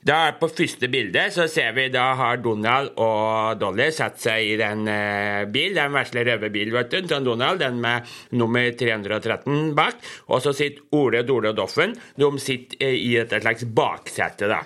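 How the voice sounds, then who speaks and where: A man's voice: mid-range voice, hardly any pauses, pushed and bright. Rambling man reading a comic aloud. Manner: rambling and hesitant, describing panels as he goes. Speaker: podcast host. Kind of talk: casual read-aloud of a comic book.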